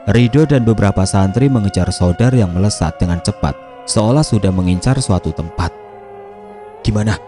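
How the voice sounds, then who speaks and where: A man narrating a scripted horror story in a steady, measured reading. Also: on the low side, over music.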